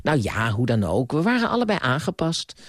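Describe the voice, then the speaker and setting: A man reading an audiobook voices a sharp-tongued, headstrong young woman in a raised, haughty voice. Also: mid-range voice, very animated, a little fast, dry recording, clean studio sound. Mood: animated.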